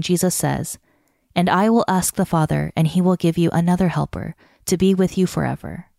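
Calm woman narrator with a low, mellow voice. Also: gravelly, no echo, studio quality. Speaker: narrator reading a devotional article. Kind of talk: scripted narration.

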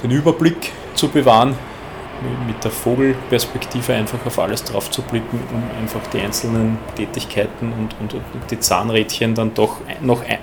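A man with an Austrian accent giving measured, explanatory interview answers as a ground handling manager. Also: on the low side, vocal fry, noisy background.

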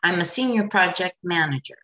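A woman with a notably low voice hosts an interview podcast. She reads her opening in a measured, earnest way, then asks her questions in the same calm manner. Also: rough recording. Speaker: podcast host. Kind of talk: scripted podcast intro and interview.

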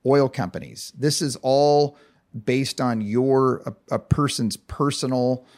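A man's voice: medium pitch, slow pace, darkish tone. Male advisor explaining, mid-range voice. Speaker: financial advisor guest. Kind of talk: conversational interview answers.

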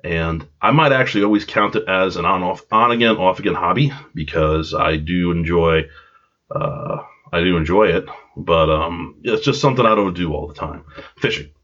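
In a casual storytelling monologue, a stuffed-up Long Island man hosting a podcast wanders through a self-deprecating tale with tangents. He speaks at a normal speed in a low, fairly bright voice, and the home recording sounds dull and lo-fi.

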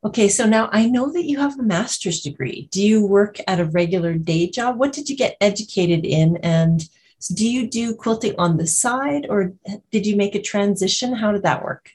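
A woman's voice: medium pitch, moderate pace, darkish tone, breathy edge. A woman hosting a podcast and interviewing a guest in an upbeat, enthusiastic way. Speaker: podcast host.

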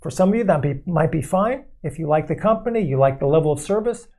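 A man with a mellow, warm voice talks through a topic on a podcast. He explains in a measured, conversational way, now and then slipping into quoted voices. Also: a little high, animated. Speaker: podcast co-host explaining investing.

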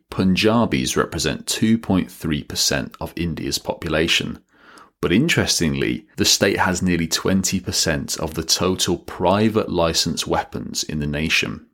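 A man's voice: extremely low pitch, a bit bright. A man narrating an educational history explainer, with wry, dry joking asides. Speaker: educational video presenter.

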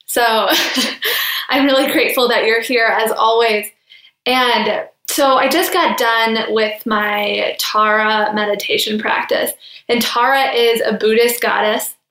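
A woman's voice: on the high side, a bit bright, reverberant. A young adult woman hosting a spiritual podcast, talking in an earnest, chatty way with fillers. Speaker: podcast host.

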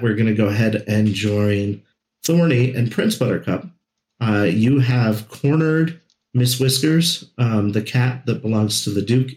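A man narrating as game master in a relaxed way, with frequent ums and uhs. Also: lowish voice, reverberant, low-quality recording.

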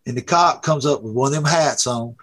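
A man's voice: medium pitch, brisk, a bit bright. A middle-aged man, a drag racer guest telling a folksy, rambling story with laughs. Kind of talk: casual storytelling.

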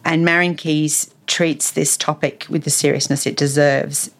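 Low-voiced woman reviewing a book. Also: level tone, unhurried. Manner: enthusiastic, chatty, with small laughs. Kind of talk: casual book-review chat.

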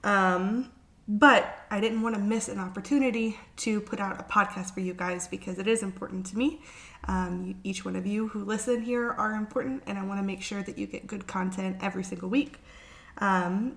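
A woman hosting a casual solo podcast as a vet, sounding under the weather, weary and halting, as if hungover. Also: mid-range voice. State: sick with flu-like illness, worn out. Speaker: veterinarian podcast host.

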